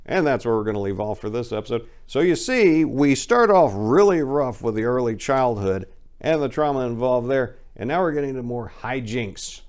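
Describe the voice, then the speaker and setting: Here a man acts as host for an expressive, dramatic memoir-style reading, his delivery shifting from emphatic to hushed. The tone is clean, the voice mid-range, and the speed normal.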